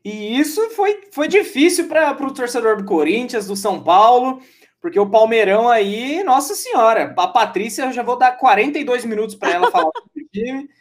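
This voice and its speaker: Chatty Brazilian sports podcast host, jokey. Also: male voice, very high voice, very animated, normal speed. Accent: Brazilian Portuguese. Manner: chatty, jokey, restarts and digressions. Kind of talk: casual sports podcast chat.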